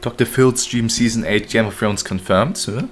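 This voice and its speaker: A man's voice: on the low side, moderate pace. A man casually commenting on his gameplay during a live stream, joking and chatting with his viewers. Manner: joking, chatty, reads chat aloud. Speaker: game streamer.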